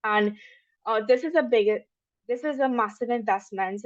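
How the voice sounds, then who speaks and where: A woman's voice: on the high side, normal speed, no room sound, lo-fi sound. A young woman from Trinidad and Tobago with a Trinidadian accent, giving a chatty, conversational webinar presentation with frequent ums and asides. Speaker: webinar speaker.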